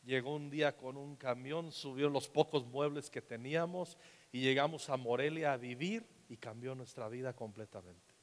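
A man with a Mexican Spanish accent preaches a sermon as pastor, with a fairly high voice. He tells a personal story and often sinks to a soft, hushed tone. His voice carries a long reverb, as in a large hall.

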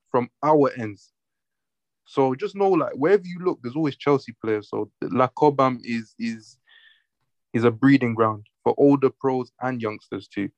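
A man's voice: medium pitch, no echo. A man with a London accent talking casually about football in emphatic, slangy roadman style.

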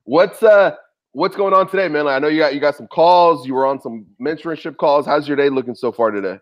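A man's voice: fairly high pitch, brisk, lo-fi sound. A man hosting a podcast interview, speaking in a friendly, enthusiastic way over a video call. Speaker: podcast host.

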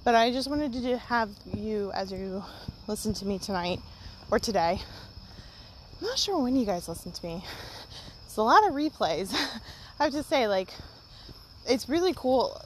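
A woman's voice: medium pitch, low-quality recording. A woman podcast host talking informally and off the cuff to her listeners while out walking at night with crickets chirping. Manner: rambling, informal. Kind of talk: casual unscripted solo monologue to listeners. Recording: outdoor night ambience, crickets and wind. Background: chirping crickets, wind.

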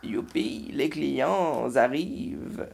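A man's voice: medium pitch, lively intonation, drawn-out words, creaky, darkish tone, pitched above the performer's own voice, exaggerated voice. A man voicing a cheerful anteater shopkeeper in a children's storybook, bubbly and exclaiming.

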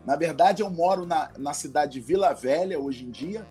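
A middle-aged Brazilian man speaks with a strong Carioca accent, his voice mellow and a touch high. He talks effusively and fervently, like a pastor guesting on a radio show, with faint music playing behind him. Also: normal speed, slightly rough. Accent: Carioca Portuguese. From Rio de Janeiro, Brazil. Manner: effusive, fervent, peppered with religious exclamations. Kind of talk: casual radio interview chat. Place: radio studio.

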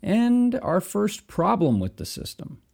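An American man hosts a podcast, chatting casually and rambling with fillers and restarts. His high, gravelly voice swings hugely in pitch at an unhurried pace, with music playing in the background.

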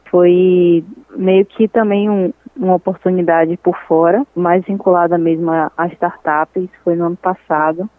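A young woman, a scientist and entrepreneur answering interview questions in an earnest, measured way, often pausing to restart her phrases. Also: lowish voice, dry recording. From Salvador, Brazil. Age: 20s. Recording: thin, dry, phone-like line.

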